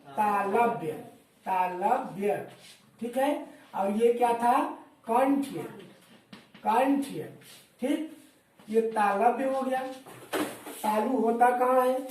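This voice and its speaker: A woman's voice: fairly high pitch, slow pace, long pauses, a little mellow, a little hiss or hum. A woman teacher giving a classroom lesson, drilling questions and answers. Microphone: far camera. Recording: echoey room from far off.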